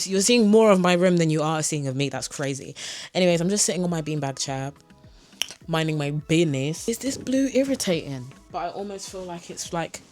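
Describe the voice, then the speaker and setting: A South London vlogger in her twenties, whose accent mixes London and Kent, answers viewer questions while sitting on a beanbag chair in her bedroom. She's chatty and candid with frequent asides, speaking to the camera in front of her in a low-pitched, slightly mellow voice.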